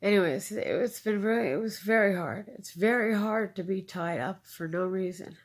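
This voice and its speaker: A woman recounting her own experiences to an interviewer, halting with fillers and repeating phrases for emphasis. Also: mid-range voice. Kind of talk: personal storytelling in conversation.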